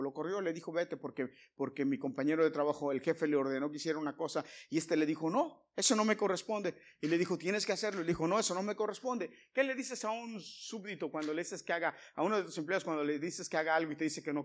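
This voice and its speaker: Male preacher, fairly high voice, loud emphatic calls, then hushed retellings. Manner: addresses listeners as brothers. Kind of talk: sermon.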